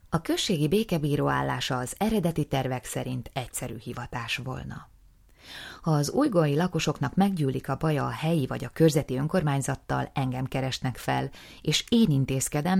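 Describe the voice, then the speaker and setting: A woman reading a first-person audiobook, calm and wry in a measured scripted narration. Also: very deep voice, gravelly.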